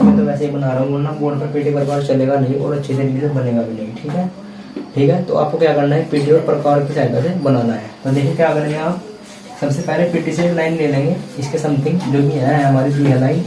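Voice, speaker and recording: A man's voice: fairly high pitch, steady tone, fast, noisy background. A male maths teacher giving a blackboard lesson, patiently explaining to students and often checking in with a filler word. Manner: repeats "theek hai" as a check-in filler. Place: classroom at a blackboard. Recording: echoey room, voice from a distance, faint ambience.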